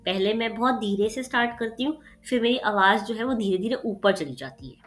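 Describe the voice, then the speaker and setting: Woman teacher explaining with check-ins. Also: on the high side. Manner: frequent check-ins of "theek hai" and "okay", mixing English terms; gets faster and louder when excited while explaining. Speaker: exam revision teacher. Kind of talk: casual explanatory lecture.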